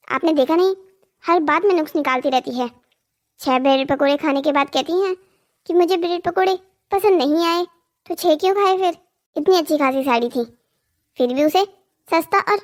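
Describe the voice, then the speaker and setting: A voice actor playing an indignant, argumentative young man in a cartoon story, protective of his sister and quick to anger. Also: very high-pitched. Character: hot-headed protective young brother.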